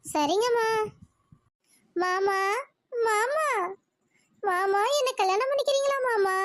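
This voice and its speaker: A woman's voice: very high-pitched, slow, no room sound. A woman voicing a lovestruck young woman in a cartoon, giggly, clingy and whiny. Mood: giddy. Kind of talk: Tamil cartoon voice acting.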